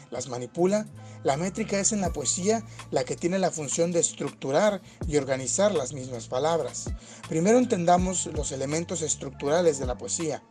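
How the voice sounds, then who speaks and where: A man giving calm, scripted educational narration for a lesson video, explaining steadily. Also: a little high.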